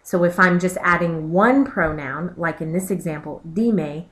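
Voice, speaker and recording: A woman's voice: on the low side, a bit bright. A woman teacher narrating a recorded slideshow lesson, explaining step by step and pointing to examples on the slides. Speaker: Spanish teacher.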